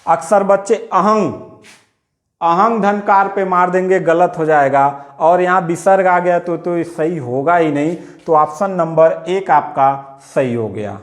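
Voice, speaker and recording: A man's voice: a little high, unhurried, hardly any pauses. A male teacher giving an exam-prep grammar lesson, explaining step by step and repeating his own questions back to the listener.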